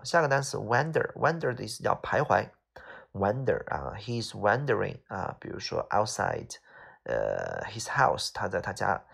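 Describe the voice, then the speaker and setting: A man's voice: fairly low pitch, creaky, fairly bright tone, breathy edge. A man teaching English vocabulary word by word, explaining in a casual way with everyday examples and a habit of tagging lines with "OK".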